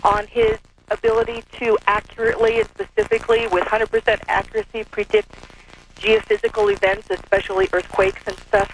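A woman's voice: mid-range voice, expressive, fairly quick. An American woman talking casually as a caller to a radio show. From California, United States. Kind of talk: casual chat. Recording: noisy call to radio show.

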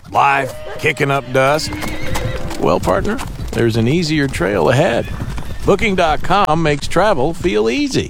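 A man playing an easygoing, folksy cowboy pitchman in a radio ad, with a gravelly voice. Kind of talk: scripted radio ad.

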